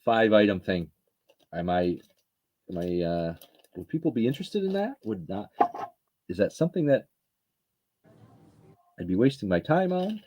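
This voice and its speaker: A woman's voice: extremely low pitch, expressive, moderate pace, pauses often, dark tone, a little hiss or hum. A woman hosting a casual reseller livestream chat, teasing and chatty.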